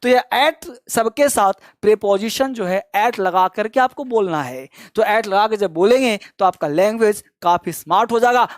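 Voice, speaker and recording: High-voiced man teaching with brisk drills. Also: dry recording, clean studio sound. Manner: brisk drilling, repeats word lists, calls students kids. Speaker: English teacher. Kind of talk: spoken grammar lesson.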